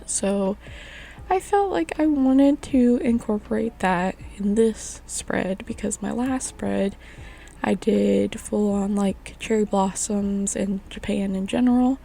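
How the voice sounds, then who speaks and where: Young woman, hoarse and raspy, heavy vocal fry, chatty rambling voice-over. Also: mid-range voice, slow, warm tone, a little hiss or hum. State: hoarse from a chest illness. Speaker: craft vlogger. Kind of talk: casual voice-over. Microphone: voice-over mic.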